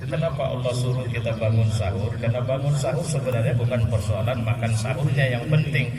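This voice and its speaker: A man giving a booming outdoor sermon, from far off. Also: fairly even intonation, quick pace, a loud crowd. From Indonesia. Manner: swings between low asides and shouted high climaxes; rhetorical questions answered himself. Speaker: preacher. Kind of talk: Eid sermon. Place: outdoor field prayer gathering. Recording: echoey loudspeaker sound from far off.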